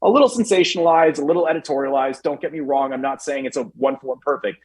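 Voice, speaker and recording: A Chicago-area guest commentator speaks quickly in a fairly high, husky voice, captured on a low-quality recording. His casual talk-show storytelling is animated, loaded with fillers, and he acts out what others said.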